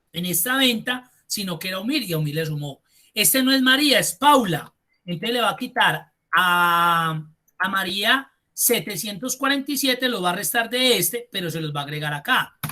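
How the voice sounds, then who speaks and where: A man's voice: high voice, bright, forceful tone. A man teaching an online spreadsheet class, explaining step by step and talking directly to his students over a video call. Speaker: Excel instructor.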